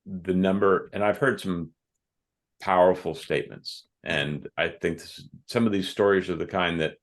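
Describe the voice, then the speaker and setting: In a low voice with fairly even intonation, an author and firearms instructor appears as a podcast guest. He shares stories from his classes in a considered, measured manner.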